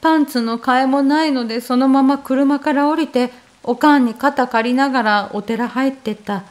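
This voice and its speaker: A woman's voice: sits high, moderate pace. A woman reading a first-person horror story aloud in a casual, conversational way. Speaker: ghost story reader.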